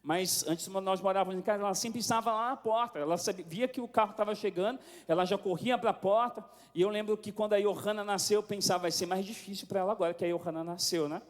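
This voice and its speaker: Brazilian male pastor, high tenor voice, chatty storytelling sermon, big church reverb. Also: fast talker, hardly any pauses. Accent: Brazilian Portuguese. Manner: conversational storytelling with frequent tag questions. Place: church sanctuary. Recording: long hall reverb.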